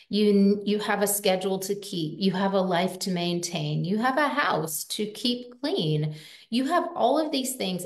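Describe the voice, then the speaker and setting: Earnest woman coaching in a roomy space. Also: medium pitch. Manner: earnest, empathetic, conversational, rhetorical questions. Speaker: parenting coach. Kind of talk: live-streamed coaching talk. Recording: roomy echo.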